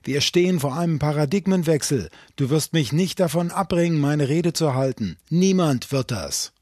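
A man's voice: a little high, expressive, normal speed, a little mellow, no room sound, studio quality, pitched above the performer's own voice. A man reading the lines of an angry older economist who barks at his caller. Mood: furious. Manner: barked, furious. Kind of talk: dramatic reading of a novel excerpt.

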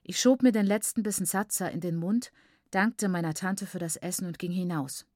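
Low-voiced woman narrating audiobook. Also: moderate pace, darkish tone, no echo, clean studio sound.

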